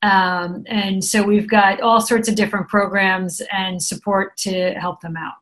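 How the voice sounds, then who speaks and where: This middle-aged American woman from San Francisco, USA, works as a program director and sounds chatty and upbeat in an interview, illustrating her answers with examples. She speaks a little slowly in a level, slightly bright mid-range voice.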